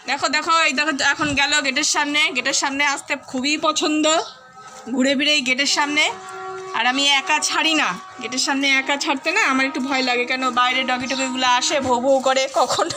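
A woman chatting casually in a home vlog, slipping into high sing-song baby-talk with her dog. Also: level tone, fairly quick, bright, forceful tone, soft background music. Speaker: vlogger. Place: home kitchen and yard.

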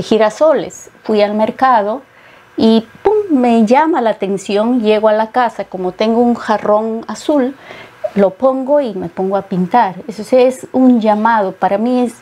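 A middle-aged woman from Peru talks slowly about her painting as an interview guest. Her voice is mellow and warm, and she pauses often with thoughtful fillers. She sounds close on a lapel mic in a studio set. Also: fairly high pitch. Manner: thoughtful, many hesitations. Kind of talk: interview conversation.

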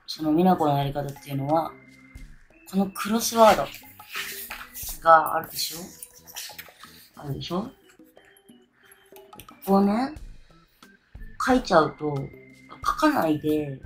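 A woman's voice: low-pitched, low-quality recording. A drunk woman in her thirties chatting casually to camera, rambling and often losing her train of thought. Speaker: vlogger. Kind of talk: casual solo chat to camera. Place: small bedroom or hotel room, indoors.

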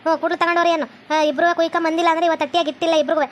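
Woman voicing a shrill bossy mother-in-law. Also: little pitch movement, slight background noise. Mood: scolding. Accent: North Karnataka Kannada. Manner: scolding, rapid-fire bossy. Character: bossy scolding mother-in-law, middle-aged. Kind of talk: cartoon comedy voice acting.

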